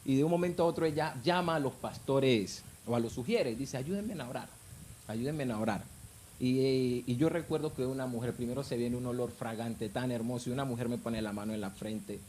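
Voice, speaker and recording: A man's voice: medium pitch, fairly even intonation, a little fast, hardly any pauses, darkish tone, a little hiss or hum. A married man, telling his personal faith testimony in a fervent, emotional way. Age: adult, married with children. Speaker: guest giving testimony.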